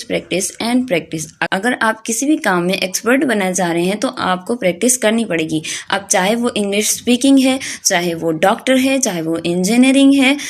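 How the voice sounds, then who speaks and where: A woman from Pakistan with a Pakistani accent, teaching English phrases in an online lesson. She addresses her students directly, repeats key words for emphasis and says each English phrase slowly and deliberately. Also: medium pitch.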